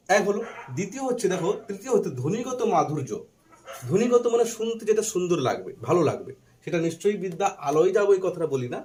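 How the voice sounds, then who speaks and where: A man teaching a Bengali grammar lesson, slowly spelling out letters and asking and answering his own questions, with a faint Bangladeshi Bengali accent. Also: medium pitch, a little mellow. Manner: slow and deliberate while writing, spelling out letters.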